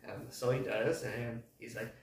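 A man's voice: mid-range voice, fairly even intonation, a little slow. A man hosting a casual movie recap who rambles and hesitates, full of fillers. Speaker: movie review host. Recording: echoey room, distant mic.

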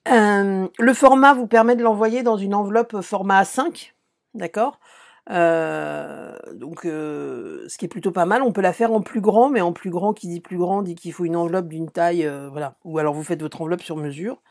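A woman's voice: on the low side, normal speed. A middle-aged woman from France hosting a live craft stream, chatting casually, answering viewers and showing her work, with many fillers and restarts.

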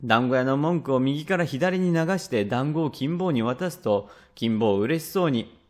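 A man narrating a classic rakugo tale in a measured, lively storyteller manner. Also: mid-range voice.

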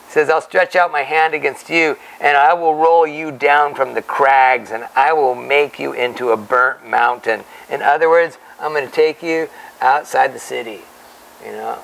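Gravelly-voiced pastor preaching at a pulpit. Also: male voice, mid-range voice, rough recording. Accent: Hawaiian-influenced American English. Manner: animated, gesturing, many restarts and repeated words. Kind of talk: verse-by-verse Bible teaching. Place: small church stage at a wooden pulpit. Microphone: stand mic at the pulpit.

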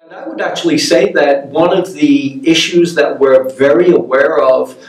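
Creative director guy in his 50s talking it through, hands going, a bit far from the mic in an echoey office. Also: fairly high pitch. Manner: animated hand gestures, measured explanatory delivery. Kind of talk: explaining to camera in an interview. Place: open-plan office, indoors. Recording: roomy office sound from a distance.

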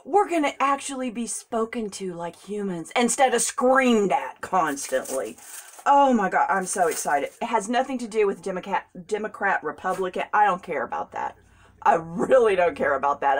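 A woman's voice: mid-range voice, expressive, moderate pace. A woman, chatting casually and gushing as she unboxes craft supplies, laughing often. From United States. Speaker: crafting vlogger.

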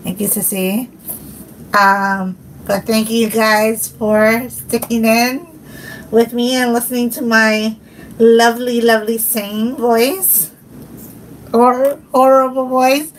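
A woman's voice: a little high, slight background noise, poor audio. A young woman hosting a livestream, chatting casually with viewers, giggling often and thanking them by name. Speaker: livestream host.

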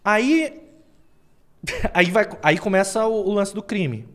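A young man telling a story on a podcast, with slangy, animated storytelling, acted quotes and bursts of nervous laughter. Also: high-pitched, slow. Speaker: podcast guest. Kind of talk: casual storytelling.

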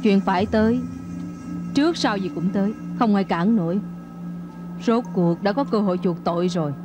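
A woman dubbing an elderly Buddhist nun who speaks slowly and calmly in a sermon-like way, for a film. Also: mid-range voice, over music, natural voice. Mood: serene. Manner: slow, calm, sermon-like. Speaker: dubbing actor. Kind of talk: Vietnamese film dub.

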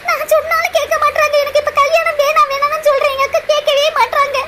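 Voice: extremely high pitch, level tone, quick pace, background noise. A woman voicing a timid, anxious young village woman in love in a cartoon, pleading and speaking with a Kanyakumari Tamil accent. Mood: tearful. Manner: pleading, keeps saying sir. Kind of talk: cartoon voice acting.

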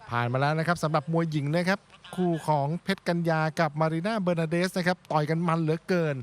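A man's voice: on the high side, fairly even intonation, fast talker, smooth. A man co-commentating on a televised Muay Thai fight card, introducing the bouts and fighters.

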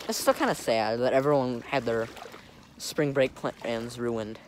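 Measured and mid-range, a young American vlogger chats loosely and easily to camera on a lake, both in his kayak and on shore. He records on a phone held or propped near him, and the audio is noisy with wind and water.

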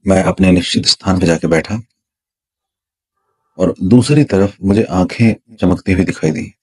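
A man with a very low, husky voice shares a spiritual experience in the manner of a teacher. He speaks slowly and dramatically, repeating words to draw the listener in. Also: mellow. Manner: slow, dramatic storytelling with repeated words for suspense. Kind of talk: storytelling a personal spiritual experience.

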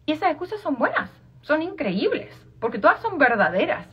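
A woman's voice: high voice, sing-song, a little fast. Argentine lady coach chatting, keeps repeating herself, kinda dull muffled audio. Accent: Argentine Spanish. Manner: informal, repeats phrases, many fillers and restarts. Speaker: life coach. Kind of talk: casual motivational talk. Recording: dull lo-fi sound.

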